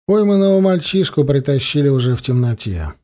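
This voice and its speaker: A man narrating an audiobook in a measured, expressive storytelling manner. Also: mid-range voice.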